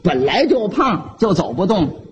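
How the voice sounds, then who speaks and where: Lively male storyteller, Beijing accent, high voice, very animated delivery. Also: measured pace, in a large hall, lo-fi sound, a little hiss or hum. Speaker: comic storyteller. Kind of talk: solo comic storytelling.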